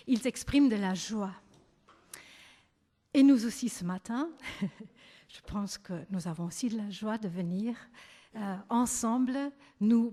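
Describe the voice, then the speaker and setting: Slow-spoken woman with a German accent. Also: on the high side. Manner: gentle, hesitant, with frequent pauses and self-corrections. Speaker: service leader. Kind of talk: leading a church service. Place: church hall. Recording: long church-hall reverb.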